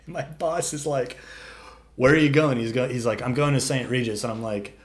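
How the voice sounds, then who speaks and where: A young man with a mid-range voice, a guest storyteller, recounts a wild adventure in casual conversation with lively, animated energy. He swears freely, says "dude" constantly, and acts out quotes with quick impressions of the people involved.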